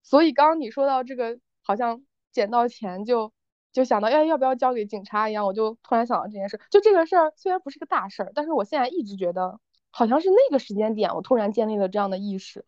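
A woman co-hosting a casual chat podcast, telling stories in an animated way and acting out the people she quotes. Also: fairly high pitch, fast talker, no echo. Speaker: podcast co-host. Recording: dull, dry, slightly lo-fi recording.

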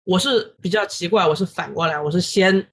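A woman in her thirties, a guest illustrator on a podcast, recounting her story in an animated way with many fillers and English words dropped in. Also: fairly low pitch, fairly quick, slight background noise. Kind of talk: casual podcast interview.

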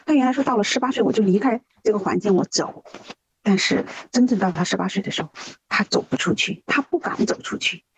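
A woman speaks with a husky, breathy edge, telling a story earnestly and hesitating often with small fillers. The sound is close and dry, with no room around it. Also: medium pitch, brisk, dry recording, rough recording. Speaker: rescue volunteer guest. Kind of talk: podcast interview storytelling.

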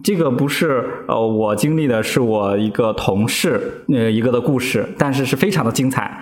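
A man's voice: medium pitch, moderate pace. A man co-hosting a podcast, who teases and jokes with the others. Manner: playful, teasing, joking. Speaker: podcast co-host. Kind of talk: casual chat.

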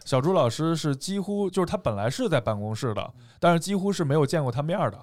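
Halting, hesitant male co-host. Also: a little high, expressive, darkish tone. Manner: hesitant, halting, repeats words. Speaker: podcast co-host. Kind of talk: casual chat.

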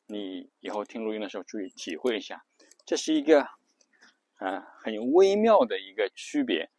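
A man hosting an English lesson podcast, explaining patiently and repeating example phrases slowly. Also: fairly low pitch, sing-song, a little mellow, dry recording. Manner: drills English phrases aloud. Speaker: English teacher and podcast host. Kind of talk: spoken lesson on English rhythm.

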